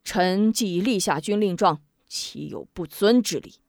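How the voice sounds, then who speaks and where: A woman's voice: mid-range voice, very animated, a little slow, no echo, studio quality. A woman storyteller voicing an arrogant, hot-tempered elderly prince who blusters proudly. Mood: blustering.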